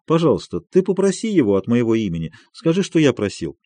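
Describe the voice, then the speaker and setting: Man doing a soft, apologetic elderly doctor in an audiobook, dry studio sound. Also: mid-range voice, very animated, fast talker, dry recording, natural voice. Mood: mild. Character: gentle, meek older male doctor. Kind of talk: audiobook character reading.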